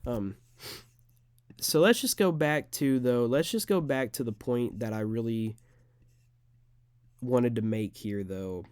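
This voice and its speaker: A man's voice: medium pitch, takes it slowly, pauses often, darkish tone, clear, resonant tone, no room sound, studio quality. A young man, an amateur fighter, talking straight to camera in an unedited, rambling monologue full of filler words. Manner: rambling, earnest, filler-heavy.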